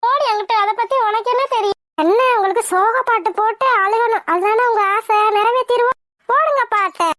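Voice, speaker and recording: Woman doing a sassy cartoon auntie, super high voice, mocks everyone. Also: fairly quick, a bit bright. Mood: teasing. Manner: teasing, sarcastic. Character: cheeky comic woman, mocking and loud.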